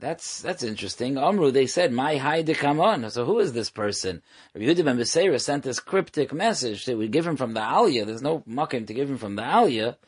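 A man who is a rabbi teaching a Talmud lesson, translating phrase by phrase with Hebrew and Aramaic terms and occasional halting restarts. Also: medium pitch, sing-song, husky.

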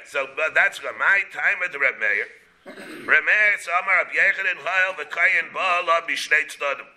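Bright, forceful man teaching Talmud. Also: fairly high pitch. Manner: question-and-answer explaining in short repeated phrases. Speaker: rabbi teaching a class. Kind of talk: Talmud lesson, reading and explaining.

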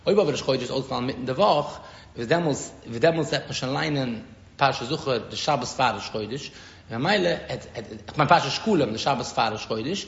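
A man with a Yiddish accent teaching a Talmud lesson as a rabbi, halting and often repeating words as he explains. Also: mid-range voice, gravelly. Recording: dull echoey room recording with faint noise.

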